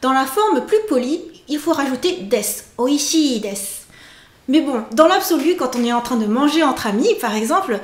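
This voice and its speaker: A woman teaching a casual video lesson, playful and expressive, stretching out her sample words. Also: high voice, normal speed, roomy sound. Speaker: Japanese language teacher.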